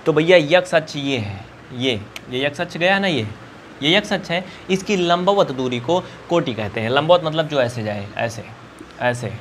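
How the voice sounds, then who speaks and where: Chatty Indian math teacher, slightly high voice. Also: male voice, a bit bright, slight background noise. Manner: repetitive, asks students questions and answers them himself; colloquial, coaxing. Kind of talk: whiteboard math lesson.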